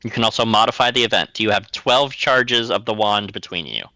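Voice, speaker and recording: A man running a tabletop game, narrating scenes and walking players through rules with clear explanations. His voice is bright and forward. The sound is close and dry. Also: fairly low pitch, a little fast, no echo, rough recording. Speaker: game master.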